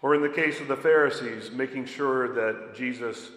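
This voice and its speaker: Delivering a sermon with a mid-range, fairly bright voice at normal speed, a male pastor engages his listeners in conversation and poses questions to them. The church sanctuary lends a roomy hall echo.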